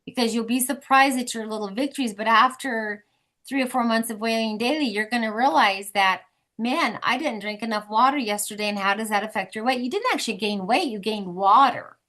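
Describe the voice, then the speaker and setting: A woman leads a weekly support group over a video call, chatty and encouraging as she gives members instructions. Her voice is on the high side, fairly quick, bright, and forceful.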